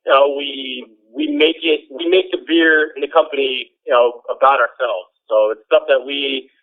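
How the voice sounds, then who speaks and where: A man, a brewer guest, talking in a relaxed, easygoing way with many fillers, heard over speakerphone. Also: medium pitch, normal speed, no echo. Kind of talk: casual interview chat. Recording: dull speakerphone line.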